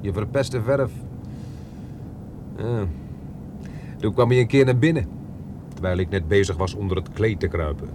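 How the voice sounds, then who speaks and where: A man's voice: fairly low pitch, fairly even intonation, moderate pace, pauses often, background noise, natural voice. A man dubbing a cocky young chauffeur who lies freely, speaking with breezy, teasing banter. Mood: boastful. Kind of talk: dubbed film dialogue.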